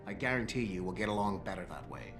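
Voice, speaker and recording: An actor playing a condescending, irritable tech security expert in a video game, snide and dismissive. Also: male voice, sits low, lively intonation, quick pace, music in the background. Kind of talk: video game dialogue acting.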